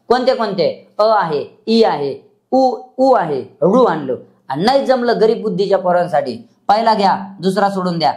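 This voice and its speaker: A man's voice: high-pitched, darkish tone. Chanting, drilling male grammar teacher. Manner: drills students with repeated questions and answers; chants letter lists in rhythm. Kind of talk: classroom grammar lesson.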